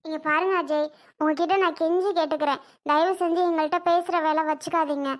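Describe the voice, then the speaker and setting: Protective young daughter in a family skit, high, insistent and pleading, played by a woman. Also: fairly even intonation, a little fast, lightly acted. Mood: angry, pleading.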